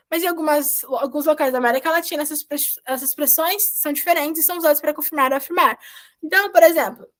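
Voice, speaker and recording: A woman with a high voice, Portuguese her first language, leads a recorded beginner Spanish lesson. She explains in a chatty, informal way, keeps checking in with her students, and talks into a computer mic. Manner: chatty, explanatory, often adds "tá, gente?". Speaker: Spanish teacher.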